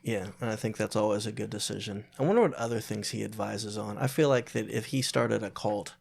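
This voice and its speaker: Deadpan podcast co-host, male, low and gravelly, dry one-liners. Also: a little fast, a little hiss or hum. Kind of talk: casual chat.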